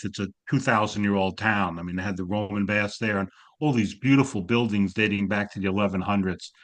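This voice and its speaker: A man in his sixties with a slight New York accent tells wry family stories over a video call during a Zoom class discussion. His voice sits lowish and comes across a bit bright.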